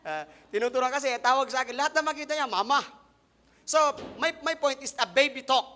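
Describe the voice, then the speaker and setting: A man preaching a Sunday sermon, telling his own testimony to the congregation, swinging between quiet asides and loud emphatic lines. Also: extremely high pitch, fast, a little hiss or hum. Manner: addresses congregation directly, mixing in English phrases.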